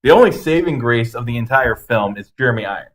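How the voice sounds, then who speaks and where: A podcast co-host talks fast in a medium-pitched, expressive voice, ranting casually about movies. He gives blunt, emphatic opinions and swears now and then.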